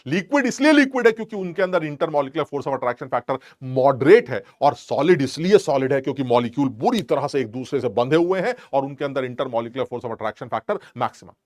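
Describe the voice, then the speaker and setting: A man's voice: medium pitch, animated, moderate pace, hardly any pauses, a little mellow. A man teaching chemistry in an informal, scolding, emphatic lecture style. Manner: scolding, emphatic, plays both teacher and student.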